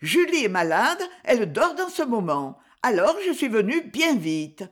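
A woman's voice: on the high side, sing-song, measured pace, pitched above the performer's own voice. A woman reading aloud as a small, frightened little girl who speaks in a breathless, plaintive voice.

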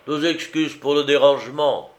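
A man's voice: fairly high pitch, moderate pace, voice pushed up, natural voice. Man playing a brash shrewd merchant. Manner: brash, self-assured. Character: shrewd, swaggering male merchant.

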